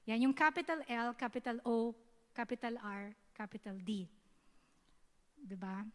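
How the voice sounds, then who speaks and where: A Filipino woman delivers a youth sermon in casual Taglish in a church hall, speaking conversationally and often checking in with her listeners by asking "diba?" Her fairly high voice is animated and a little slow, with the sound of a large hall around her.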